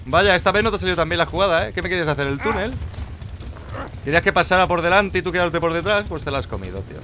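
A man giving live, mocking commentary while playing a horror game, jumping between loud outbursts and low muttering. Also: animated, quick pace, soft background music. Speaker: gameplay streamer.

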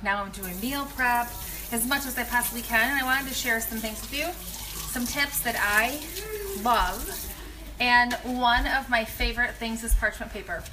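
A pregnant nutrition coach in her thirties rambles chattily through meal prep tips in her home kitchen, throwing in animated asides during a casual live video filmed on a phone at arm's length. Her voice is a little high at normal speed, and the recording is rough.

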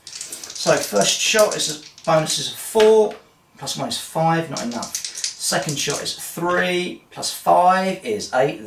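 Humming and talking to themselves, someone plays a solo tabletop wargame and mutters the dice totals as a casual running commentary. Their voice is medium-pitched, and the distant mic gives a roomy sound with a little hiss or hum.

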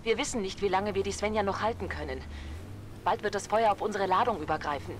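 Brief: desperate ship crew member, urgent marine-radio mayday, mid pitch. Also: female voice, quick pace, slight background noise. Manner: urgent, pleading. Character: woman calling for help from a burning cargo ship. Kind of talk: video game voice acting.

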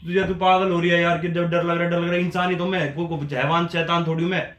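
Brief: quick, high-pitched man, stubborn bickering in an echoey bedroom. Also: flat delivery, fairly bright tone. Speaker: vlogger pranking his wife. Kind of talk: staged prank banter. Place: bedroom at home.

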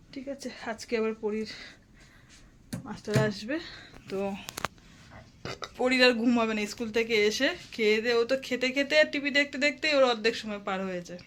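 A woman's voice: a little high, a bit bright. A woman, a mother chatting casually to viewers at home about her day and chores. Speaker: vlogger and mother. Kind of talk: casual daily vlog narration. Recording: noisy home recording.

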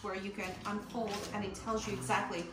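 A woman's voice: mid-range voice, level tone, brisk. Young woman chiming in across a roomy space. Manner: adds and confirms details eagerly. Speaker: vlogger. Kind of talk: casual gear walkthrough. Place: living room floor, indoors. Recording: roomy, distant camera mic, faint hiss.

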